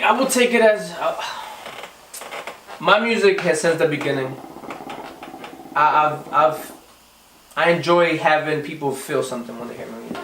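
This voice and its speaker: A young man from the Dominican Republic chats through an interview, his voice a little higher than most. He stumbles, restarts and repeats words. The sound is roomy and comes from a few feet off the mic, with faint noise behind. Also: fairly bright tone, distant mic. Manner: repeats words and restarts often, says "like" a lot. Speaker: singer interviewed. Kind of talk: casual interview answers. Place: recording studio.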